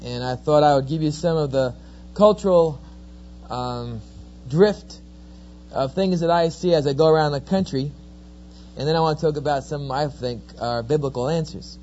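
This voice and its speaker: A middle-aged man from New Jersey, USA, with a New Jersey accent delivers a sermon-style talk packed with folksy, joking stories, a lively storyteller. His voice is fairly high at a moderate pace, and the dull lo-fi recording carries a little hiss or hum.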